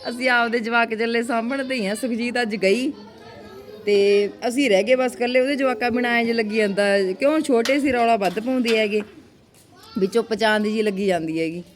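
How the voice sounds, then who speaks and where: A woman with a Punjabi accent and a fairly high voice narrates everyday family life for a vlog. She talks casually in an animated, exclaiming way, like someone commenting to relatives and viewers at once. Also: a little fast, a faint crowd. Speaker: family vlogger.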